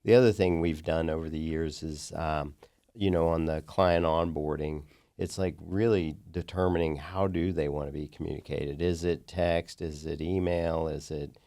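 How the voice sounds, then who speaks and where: A man hosting a podcast, asking questions and adding his own points in a relaxed, conversational way. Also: very deep voice, normal speed. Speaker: podcast host. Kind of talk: casual interview chat.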